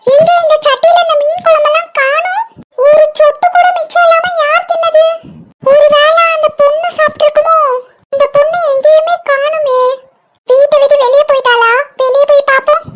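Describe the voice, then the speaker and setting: A fussy, nervous cartoon housewife, played by a woman in a very high, thin voice. She frets and whines over every small worry. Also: steady tone, normal speed. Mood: fretful. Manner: high-pitched, fretful, whiny lamenting. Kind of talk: cartoon voice acting.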